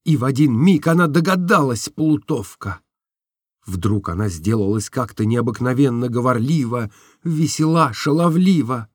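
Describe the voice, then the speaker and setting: A man reading a classic novel aloud as an expressive, emotional first-person narrator. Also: mid-range voice, moderate pace, breathy edge, no echo, clean studio sound. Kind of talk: audiobook reading.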